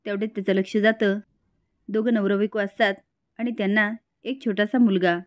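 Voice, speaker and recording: A woman retelling a television serial episode as a steady, matter-of-fact story recap. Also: medium pitch, a little fast, no room sound, clean studio sound.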